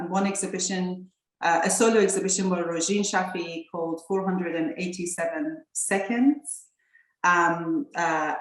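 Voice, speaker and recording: Casting note: woman moderator with a low-ish voice, hesitant and polite, on a video call. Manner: hesitant, many fillers, polite. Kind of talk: online interview. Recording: very echoey room.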